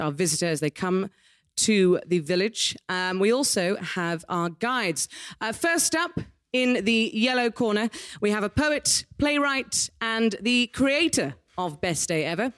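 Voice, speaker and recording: A woman with a British accent hosting a live game show on stage, ad-libbing with playful, quirky asides. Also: mid-range voice. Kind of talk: light, ad-libbed live stage presenting. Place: small theatre stage in front of an audience.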